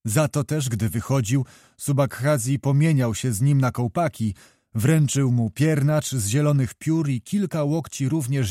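Mellow male audiobook narrator. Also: mid-range voice, no echo, studio quality. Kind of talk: scripted narration of a historical novel.

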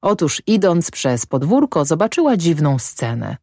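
A woman calmly narrating a classic novel as an audiobook. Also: low-pitched, no room sound, studio quality. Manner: calm, unhurried reading. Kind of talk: scripted narration.

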